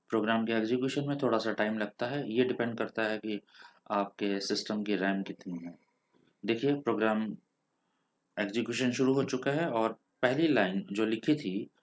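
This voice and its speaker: An Indian man with a slightly low voice leads a screen-recorded coding tutorial. He explains each step patiently, dropping English technical terms into his talk. Keyboard typing sounds in the background. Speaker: programming teacher.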